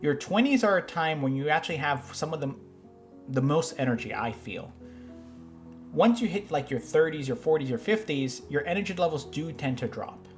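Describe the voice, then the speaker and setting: A man's voice: on the high side, expressive, normal speed, soft background music. A man in his thirties hosting a reaction show, giving loose, rambling commentary with frequent restarts. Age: 30s. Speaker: host reacting to finance videos. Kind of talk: casual commentary.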